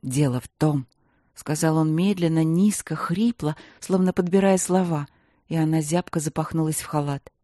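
An audiobook narrator reading a romance fantasy in an even, measured storytelling manner. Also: medium pitch, no room sound, studio quality.

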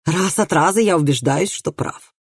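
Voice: medium pitch, normal speed, slightly rough, dry recording, clean studio sound. A reader voicing a scornful man who scoffs with open exasperation.

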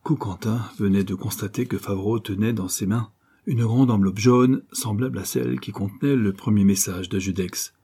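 A male audiobook narrator reads a novel with dramatic suspense. His voice is low and husky, and its tone is dark and mellow. The narration sounds scripted and measured. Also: steady tone.

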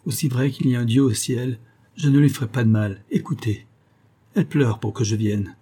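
A man's voice: medium pitch, moderate pace, warm tone, breathy edge, lightly acted. A man reading an audiobook, voicing a frantic old woman innkeeper who pleads between sobs. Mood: desperate. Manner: pleading, sobbing outbursts.

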